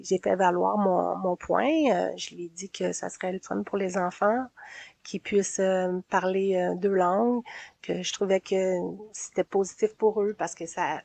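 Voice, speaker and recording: Give me a Québécois woman in her forties chatting about her life, slightly low voice, dry recording. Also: gravelly, dry recording. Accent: Québécois French. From Quebec. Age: 40s. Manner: relaxed, hesitant with frequent "euh". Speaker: podcast guest. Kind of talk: casual storytelling.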